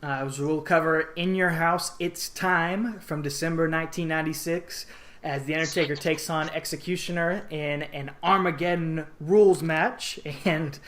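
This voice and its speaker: A man's voice: on the high side, fairly even intonation, normal speed, a bit bright. A man co-hosting a podcast in casual chat, upbeat and reading out plugs with lots of filler words. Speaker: podcast co-host.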